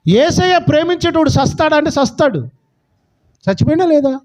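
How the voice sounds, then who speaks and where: Male pastor, strikingly high pitch, fervent preaching delivery. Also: lively intonation, brisk, darkish tone. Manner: fervent, calls out to the congregation. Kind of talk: sermon.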